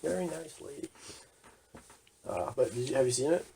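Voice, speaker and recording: A man's voice: medium pitch, animated, normal speed, gravelly, dark tone, husky, low-quality recording. A young man co-hosting a podcast in casual chat, joking and acting out comedy bits. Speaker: podcast co-host.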